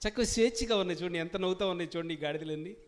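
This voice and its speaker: Male pastor, Sunday sermon, slightly high voice, call-and-response preaching. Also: very fast. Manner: animated preaching, asks the congregation questions and rises to loud peaks. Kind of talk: Palm Sunday sermon with testimony. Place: church service.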